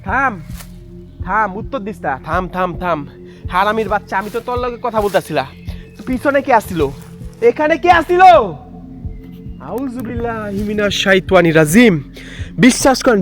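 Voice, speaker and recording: A young man hosting a night ghost-hunting vlog in an outdoor graveyard, taunting and repeating the same question between muttered prayers. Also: extremely high pitch. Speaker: paranormal vlogger.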